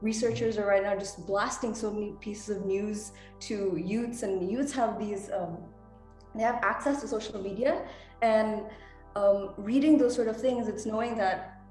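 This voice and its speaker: A woman's voice: mid-range voice, a little slow, a little mellow. A woman speaks earnestly, working through her thoughts. The sound is roomy and echoing, with faint music behind her. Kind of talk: discussion.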